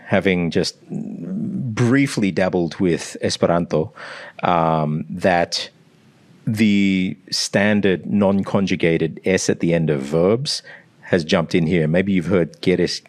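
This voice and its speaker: A man's voice: low-pitched, no echo. An Australian man working as a language coach, breaking down pronunciation and modelling individual sounds as he explains. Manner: demonstrates sounds, analytical.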